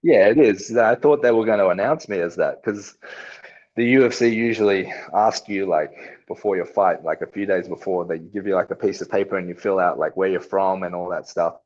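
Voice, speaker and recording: Aussie fighter guy chatting easy, real low voice, bit of a muffled recording. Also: a little fast, a little mellow. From Australia. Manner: laid-back, swears casually. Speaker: professional fighter, guest. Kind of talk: casual interview chat.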